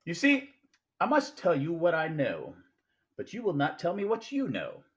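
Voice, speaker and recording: A jovial, scheming crime boss from a vintage radio play. His voice sits on the high side and leaps extravagantly up and down. He is pompous and elaborately polite. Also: wildly swooping pitch, moderate pace. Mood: coy, reproving. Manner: pompous, theatrical, elaborately formal. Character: genial, cunning fat crime boss, wordy and courtly. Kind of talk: 1940s radio play acting.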